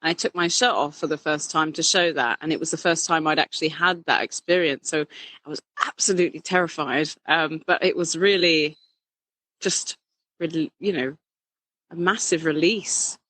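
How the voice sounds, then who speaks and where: Bright, animated woman chatting freely. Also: sits low, moderate pace, no echo, low-quality recording. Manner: animated and laughing, with many restarts. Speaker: drag king performer, guest. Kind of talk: casual interview chat.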